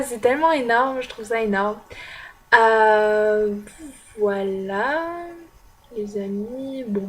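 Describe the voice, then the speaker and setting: A woman's voice: high voice, a bit bright. A teenage girl from France, chatting casually in a vlog recap as an exchange student, hesitant and full of filler sounds.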